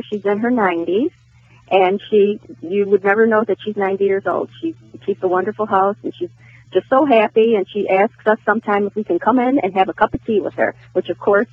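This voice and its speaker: A woman's voice: mid-range voice, quick pace, slightly rough, no echo. A woman calling in to a radio show as a volunteer, heard over the phone line, earnest and eager in casual talk. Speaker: caller, volunteer. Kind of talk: casual call-in chat. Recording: tinny dry phone line.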